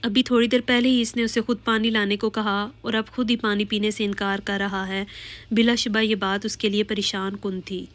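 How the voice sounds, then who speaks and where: A woman reading a romance novel aloud in a steady, expressive storytelling voice. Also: mid-range voice. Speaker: audiobook narrator. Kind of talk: scripted novel narration.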